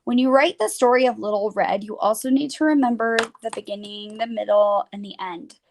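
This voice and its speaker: A woman's voice: mid-range voice, a little fast, creaky, a little hiss or hum. A young woman teaching a children's phonics lesson, chatting casually and saying "like" a lot as she draws. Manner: casual, chatty, says "like" often while drawing.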